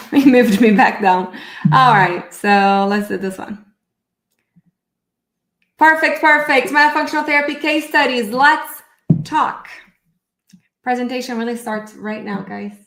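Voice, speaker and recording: In an echoey room, a therapy educator runs a casual live online class, her voice fairly high, a bit bright and touched with vocal fry. She's a middle-aged woman with a Brazilian Portuguese accent, chatty and cheerful, musing aloud as she shows her screen during the webinar.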